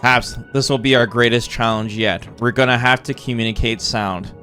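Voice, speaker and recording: Give me a man chatting casually through a co-op game, with quiet music under him. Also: medium pitch, fairly even intonation, moderate pace. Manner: thinking aloud, laughs often. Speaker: streamer.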